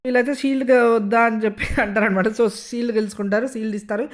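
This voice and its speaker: This is a reviewer walking through an episode in a relaxed, chatty way. The retelling is loose and wanders, with frequent filler sounds between phrases. The voice sits at an ordinary middle pitch. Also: quick pace. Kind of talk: casual spoken episode recap.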